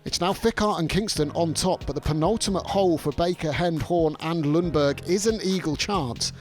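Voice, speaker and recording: A man with a slightly high voice delivers golf commentary and highlights narration. Music plays faintly behind him. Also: normal speed.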